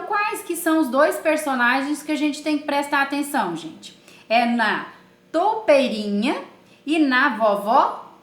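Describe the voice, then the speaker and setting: Animated woman teacher in an echoey room. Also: high-pitched. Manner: asks questions and answers them herself, with many tag questions. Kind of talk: online class reading a story aloud.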